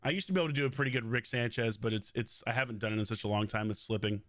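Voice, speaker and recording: Male streamer, excitable and profane, high and bright voice, close dry mic, casual banter with chat. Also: very fast, no echo. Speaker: game streamer.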